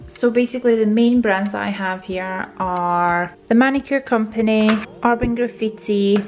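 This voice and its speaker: Over soft background music, an Estonian woman with a mid-range voice talks at a normal speed. A vlogger and nail technician, she provides casual, playful voice-over while tidying at home, chatting to herself and her viewers.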